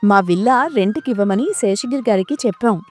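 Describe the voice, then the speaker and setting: A woman voicing a friendly, talkative neighbor who is a teacher, speaking in brisk, breezy chatter. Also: mid-range voice, faint music behind, close to an everyday voice.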